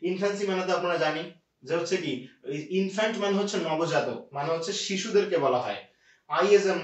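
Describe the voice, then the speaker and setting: A man teaching an English grammar lesson, explaining step by step and often asking his students rhetorical questions. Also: sits high. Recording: echoey distant lo-fi room sound.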